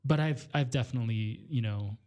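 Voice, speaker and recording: A man from northwestern Illinois talks as a guest on a podcast, thinking aloud. He is hesitant and searching, with frequent fillers, restarts and small self-corrections. His voice sits at an ordinary middle pitch for a man. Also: fairly quick, warm tone. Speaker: guest poet and teacher. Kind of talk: reflective conversation.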